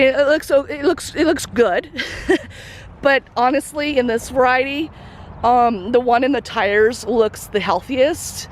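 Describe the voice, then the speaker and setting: A woman's voice: fairly high pitch, a little hiss or hum. A woman giving a casual walkthrough of her community garden outdoors, chatty and a little out of breath, with lots of fillers and restarts.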